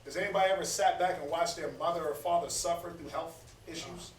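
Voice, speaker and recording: A Bible study speaker in his thirties delivers a casual, preachy teaching talk in a conversational way, talking fast with fairly even intonation. His voice is a bit high for a man, and he stammers and repeats words. He's recorded from a distance in an echoey room with faint hiss.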